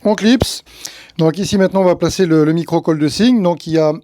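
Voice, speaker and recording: This informal tutorial comes from a tree-work professional who narrates each step and thinks out loud while working with his gear. He speaks a little fast in a higher, dark-toned voice, with slight background noise present.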